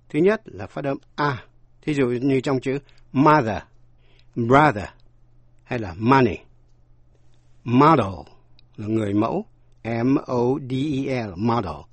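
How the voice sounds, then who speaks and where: Male teacher, husky, unhurried, spells words letter by letter, dry close sound. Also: medium pitch, no room sound. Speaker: English teacher. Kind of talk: scripted pronunciation lesson.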